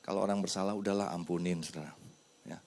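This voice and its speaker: A man's voice: deep voice, fast, vocal fry. A middle-aged man preaching a sermon and acting out little dialogues. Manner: animated, acts out dialogues with God and children. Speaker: pastor.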